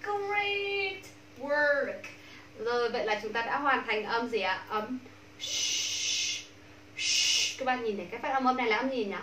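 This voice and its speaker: A Vietnamese woman teaching English pronunciation to a class, drawing out model words slowly and repeating them. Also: on the high side, steady tone, fairly bright tone, far from the mic. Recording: echoey room, voice from off mic, faint background hum.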